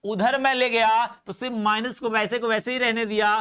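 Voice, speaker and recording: High-pitched chemistry teacher coaxing students. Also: male voice, level tone, fairly quick, bright, forceful tone, clear, resonant tone. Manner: affectionate, repetitive coaxing of students. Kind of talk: online coaching class lecture.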